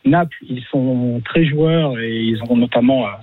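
A man's voice: mid-range voice, a little slow. A man calling into a radio show, polite and a little hesitant. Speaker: listener caller. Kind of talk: phone call on a radio show. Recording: tinny phone line.

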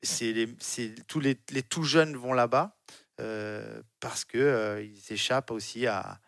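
A man's voice: mid-range voice, takes it slowly, vocal fry, a bit bright, dry recording, studio quality. A man in his forties from France, speaking as a cycling pundit on sports radio, emphatic and repeating his words.

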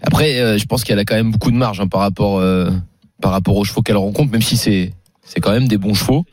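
A man's voice: fairly low pitch, quick pace, darkish tone, no echo, studio quality. A man giving his opinion as a radio pundit, hesitating as he reasons aloud. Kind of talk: casual studio analysis.

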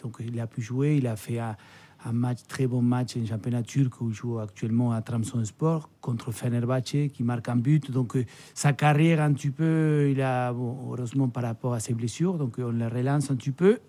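A man from Argentina, a player agent, speaking as a guest on sports radio, measured and hesitant with fillers. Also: medium pitch, fairly even intonation, dark tone. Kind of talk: casual radio chat.

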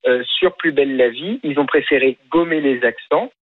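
A male radio caller who speaks hesitantly and fills his pauses with filler sounds. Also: mid-range voice, slightly rough, no echo. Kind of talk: phone-in chat. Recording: tinny phone line.

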